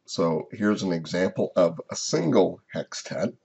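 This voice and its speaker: A man teaching a recorded slide lecture, explaining step by step in an unhurried way with frequent "uh" and "um" fillers. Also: deep voice, animated, vocal fry, a little mellow, husky. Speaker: instructor.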